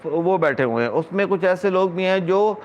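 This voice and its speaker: A man's voice: high-pitched, lively intonation, muffled recording, a little hiss or hum. A middle-aged man from Pakistan, talking in a casual vlog monologue, ranting with scorn and indignation. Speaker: vlogger.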